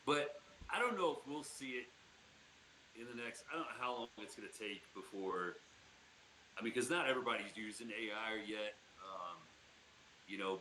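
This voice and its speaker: A man co-hosts a podcast in easy, rambling chat, padding his thoughts with fillers and laughing often. His voice is bright and forward. The recording has a roomy echo. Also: on the low side, a little hiss or hum. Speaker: podcast co-host. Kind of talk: casual chat.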